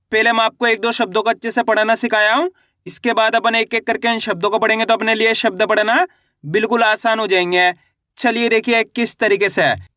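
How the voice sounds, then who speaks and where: A man teaching Hindi reading, spelling out syllables slowly and asking questions he answers himself in a lower voice. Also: pushed and bright, no room sound, studio quality. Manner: asks questions and answers them himself in a low drawn-out voice. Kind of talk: classroom-style lesson.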